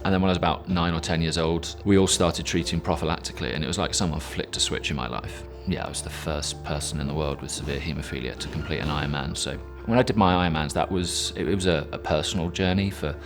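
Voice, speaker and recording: A man's voice: very deep voice, fairly even intonation, quick pace, few pauses. A man speaking earnestly in a documentary interview, reflective, with small restarts. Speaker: interviewee, endurance athlete. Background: background music.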